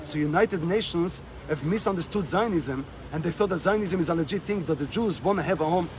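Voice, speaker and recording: A man's voice: a little high, a little fast, a crowd in the background, low-quality recording. A man being interviewed outdoors on a rainy street, speaking emphatically and repeating himself as he presses his points. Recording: street noise and passing cars.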